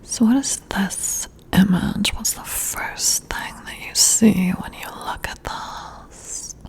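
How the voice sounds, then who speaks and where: Whispering breathily right up against the mic, this woman takes on the role of an intrigued, flirtatious boss running a personality test for an ASMR roleplay. She has a mid-range voice and delivers her lines slowly, admiringly, and with soft hesitation.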